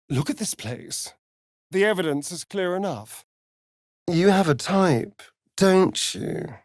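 In a fantasy video game, a male actor with a British accent voices a sardonic, vain elven vampire rogue in full character, drawling in an arch, mocking way. His voice is on the high side, recorded dry and clean in a studio.

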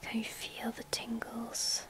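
A woman with a natural voice plays a gentle spa massage therapist in a whispered role-play. She speaks softly, slowly and reassuringly, keeping the mood soothing.

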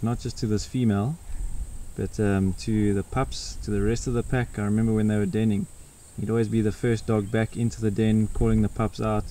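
A man narrates a safari in a low, very mellow voice with little rise or fall. He is casual and understated, like a guide talking to viewers from the bush. Faint outdoor insect noise sits behind him. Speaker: safari guide and wildlife vlogger. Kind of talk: casual wildlife narration to camera. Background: faint crickets and bush ambience.

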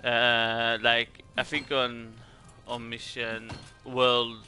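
A man's voice: mid-range voice, completely flat delivery, extremely slow, music in the background. A man from Sweden with a Swedish accent gives casual game commentary in a hesitant, rambling way, repeating words as he goes. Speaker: gaming video creator.

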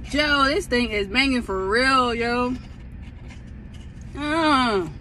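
A woman with a slightly high voice talks slowly through a full mouth while chewing. Her delivery is laid-back and slangy. A faint car hum sits under her voice. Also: bright, forceful tone. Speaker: food review vlogger. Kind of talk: casual food review chat. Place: inside a parked car with air conditioning on.

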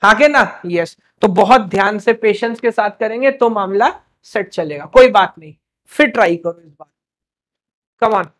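Running a live class, this young man throws out fast questions and jokingly tells students off to motivate them. His voice sits high, with lively intonation and a touch of brightness.

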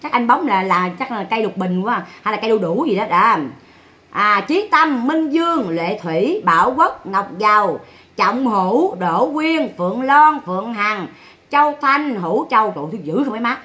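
A woman's voice: a little high, lively intonation, normal speed, bright, forceful tone. A woman with a Southern Vietnamese accent, ranting sarcastically and bluntly on a livestream.

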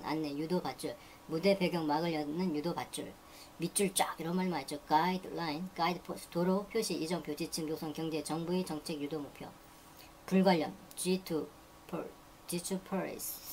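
A woman teaching English vocabulary, briskly repeating each word and reading its dictionary meanings one after another. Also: sits low, a little mellow, slight background noise. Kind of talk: reading dictionary entries aloud.

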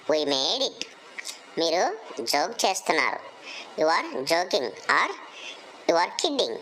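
A woman's voice: mid-range voice, a bit bright, a little hiss or hum, rough recording. A woman teaching English, saying each phrase and then its English version. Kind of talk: slow phrase-by-phrase language lesson.

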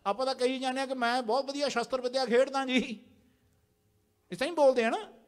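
A man with a very high-pitched voice preaches quickly in a large temple prayer hall, exhorting the congregation and having them repeat lines after him. The hall gives the recording a long reverb.

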